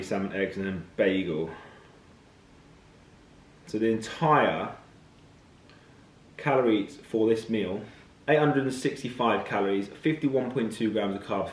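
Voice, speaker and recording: Chatty man vlogging in a roomy kitchen. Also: fairly low pitch. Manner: chatty, blunt, matter-of-fact. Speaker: fitness coach. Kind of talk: casual vlog talk to camera.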